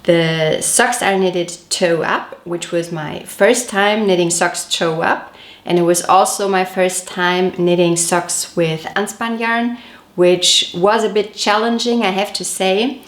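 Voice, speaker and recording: A woman hosts a casual show-and-tell knitting podcast, chatty and detailed and gently correcting herself, her voice a little off as she recovers from a cold. She speaks slowly in a steady, fairly low voice, in an echoey room.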